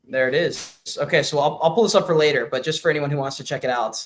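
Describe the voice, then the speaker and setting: A man hosting a live online talk, easygoing and quick with short affirmations. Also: a little high, a little hiss or hum. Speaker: podcast host. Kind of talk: casual live chat.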